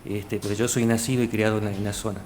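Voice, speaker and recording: This Salta native in his thirties talks at a quick pace in a lowish, darkish voice with fairly even intonation, using Argentine Spanish with a Salta accent. As a job candidate before a formal panel, he hesitates, uses many fillers and restarts, in an echoey room with faint noise.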